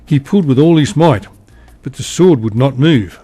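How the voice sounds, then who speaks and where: A man narrating a bedtime story in a calm, even reading voice. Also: mid-range voice, moderate pace, husky, no echo, faint music behind.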